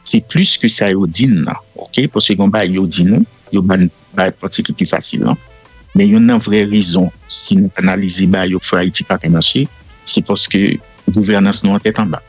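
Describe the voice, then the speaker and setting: Low husky Haitian man, measured. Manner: measured, explanatory, with frequent fillers. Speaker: guest. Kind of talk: casual radio interview. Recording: faint music in the background.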